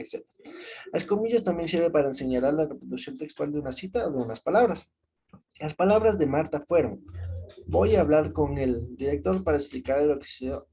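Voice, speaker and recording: A male teacher with an Ecuadorian Spanish accent gives a recorded class lesson in a medium-pitched, dark-toned voice. He explains things step by step and checks understanding with a rising "¿sí?".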